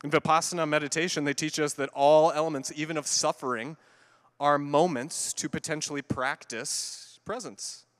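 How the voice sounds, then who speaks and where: A high-voiced man talks from a conference stage, animated and conversational. He throws in playful asides to the room. The large hall adds a long reverb to his voice. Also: moderate pace. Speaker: keynote speaker. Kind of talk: conference keynote talk.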